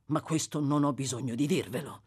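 A woman voicing a stern elderly gentleman who speaks in a measured, firmly deliberate and accusing way. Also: a bass voice, slightly rough.

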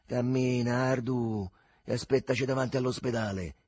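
A man voicing a cocky, loud Roman teenage boy in a husky, raised voice with a Roman dialect. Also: steady tone, normal speed, no echo, lightly acted. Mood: grumbling. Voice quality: shouty, raised pitch.

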